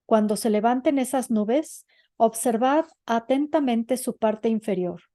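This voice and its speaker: Woman doing elderly seer woman, solemn, certain, mellow dark tone, dry sound. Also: on the high side, measured pace, dry recording, natural voice. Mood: assured.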